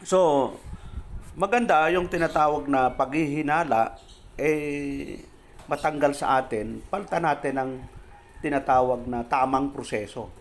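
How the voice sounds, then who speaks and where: A man's voice: a little high, unhurried, pauses often. Filipino pastor guy, chatty sermon, reads verses then explains, bit of hiss behind. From Philippines. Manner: reads English verses then explains in Tagalog, addresses listener directly. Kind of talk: conversational sermon.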